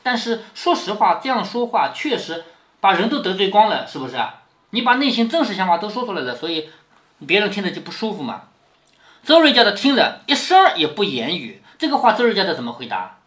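A man's voice: sits high, a little fast. A man reading a classic novel to his daughter and explaining it, often checking with questions as he goes. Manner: keeps checking with rhetorical questions; lively, acts out quoted lines. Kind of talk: explanatory storytelling lesson. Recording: roomy echo.

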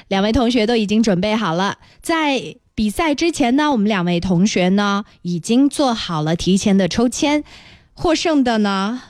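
A woman hosting a children's radio quiz, explaining things clearly and encouragingly. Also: mid-range voice, dry recording, studio quality. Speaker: quiz show host. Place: radio studio.

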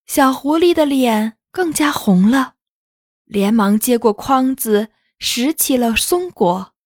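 A woman narrating a children's story in a gentle, unhurried, expressive reading. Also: fairly high pitch, no echo, studio quality.

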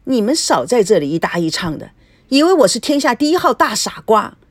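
A woman acts out a shrill, jealous young wife in an audio novel, shrieking insults and sneering at her rivals. Her voice leaps all over its range, recorded dry and close. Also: very animated, brisk, dry recording. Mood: furious. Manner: shrieking, scornful.

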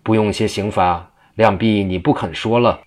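A man's voice: fairly low pitch, steady tone, moderate pace, close to an everyday voice. A man reading the lines of an eccentric, mocking monk who questions sternly.

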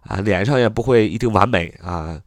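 A man's voice: on the low side, no echo, clean studio sound. A man teaching English vocabulary, who repeats each word many times and spells it out letter by letter. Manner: repeats words over and over, spells letters out slowly. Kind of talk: lesson, reading and spelling words slowly.

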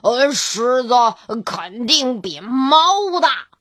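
A woman voicing a big, fierce, boastful male lion in a children's storybook reading, speaking gruffly and slowly. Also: high-pitched, sing-song, very noisy, exaggerated voice. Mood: puzzled. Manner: gruff, menacing, slow and boastful.

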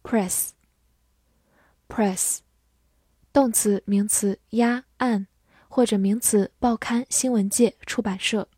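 Slow, mellow woman reading word lists. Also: medium pitch, steady tone, slightly rough, dry recording. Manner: measured, repeats each word twice. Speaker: vocabulary reader. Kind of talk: slow dictionary-style word drill.

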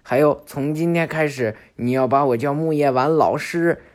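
A man's voice: a little high, normal speed, a little mellow, natural voice. A man voicing a stern adult ninja teacher who scolds a pupil. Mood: scolding.

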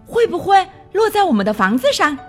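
High squeaky little boy frog, eager and impatient, bouncy, lively swoops, woman putting it on. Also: moderate pace, faint music behind. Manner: bouncy, exclaiming.

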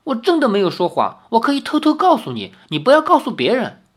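A woman voicing a timid, tearful little boy who speaks in a high, childish, pleading way in a storybook reading. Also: big pitch swings, moderate pace. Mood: eager, secretive.

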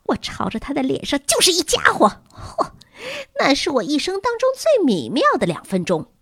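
A woman's voice: high-pitched, wildly swooping pitch, normal speed, fairly bright tone, dry recording, studio quality, voice pushed up, exaggerated voice. A woman voicing a cocky, rebellious schoolgirl with a cold who talks confidently and boastfully.

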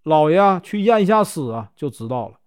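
A man with a Northeastern Mandarin accent voicing a shrewd, eccentric old monk who speaks calmly and knowingly. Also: on the high side, brisk, smooth, no echo, clean studio sound.

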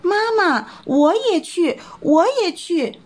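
A woman's voice: very high-pitched, animated, slow pace, voice pushed up, heavily acted. A woman voicing a small, clingy young rabbit child who pleads in a childlike way. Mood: whining.

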